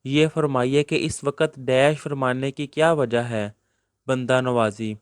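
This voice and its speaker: A man with a Pakistani Urdu accent teaches a textbook lesson in a steady middle-pitched voice, reading each question and then its answer. His tone is smooth and resonant, and he mixes English words into his explanations. The recording is close and dry, with no room sound around him. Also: dry recording.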